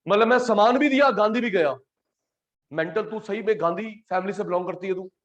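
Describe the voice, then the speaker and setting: A man with an Indian accent teaching an online class, animated and teasing, mixing English terms into Hindi. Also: high voice, fairly quick, dull audio.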